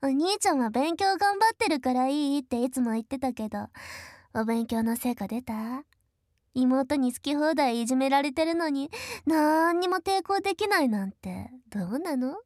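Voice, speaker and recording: A woman's voice: high-pitched, animated, normal speed, a little mellow, dry recording, clean studio sound. A woman voicing a domineering adult younger sister who mocks and belittles her older brother in an audio role-play drama, with a giggling, condescending manner. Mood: taunting. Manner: taunting, condescending, frequent giggles.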